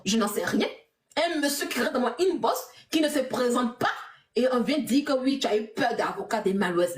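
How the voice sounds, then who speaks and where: A high-voiced woman rants defiantly on a livestream, mocking her critics and laughing with scorn. Her voice rings in an echoey room. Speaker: social media personality. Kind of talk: heated livestream rant.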